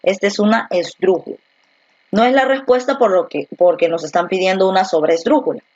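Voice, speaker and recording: A woman teacher giving an online class, patiently repeating words slowly to show where the stress falls and asking the student questions. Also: mid-range voice, a little mellow, muffled recording. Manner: asks rhetorical questions to the student. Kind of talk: virtual class lesson.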